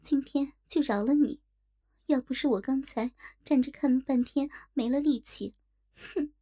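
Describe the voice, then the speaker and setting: A woman's voice: high voice, a little slow, mellow. Woman voicing a coy, pouting young woman.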